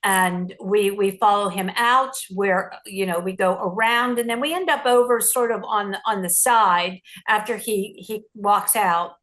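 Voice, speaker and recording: A middle-aged woman journalist recounting a story in an interview, lively and acting out the lines she quotes. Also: mid-range voice, a little slow, hardly any pauses.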